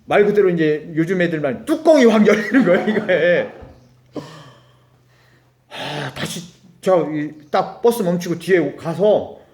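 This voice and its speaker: A man's voice: high voice, darkish tone, echoey room. A middle-aged Korean man preaching a sermon as a pastor, telling a story with acted-out dialogue and laughing asides.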